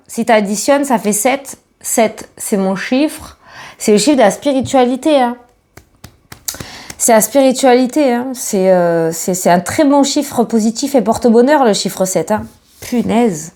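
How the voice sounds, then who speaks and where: A woman with a fairly high voice talks through a tarot spread in a loose, casual way. She is excitable and fills her speech with hesitations. She breaks into swearing when she is delighted. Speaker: tarot card reader. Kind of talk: casual tarot reading monologue.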